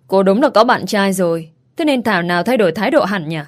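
A woman's voice: mid-range voice, expressive, fast talker, close to an everyday voice. A woman voicing a harsh, scornful father who snaps and sneers.

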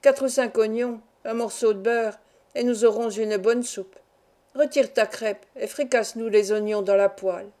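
A woman reading an audiobook, voicing a stern, domineering peasant man who speaks in a rough, curt tone. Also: a little high, steady tone, moderate pace, dark tone, close to an everyday voice. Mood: commanding.

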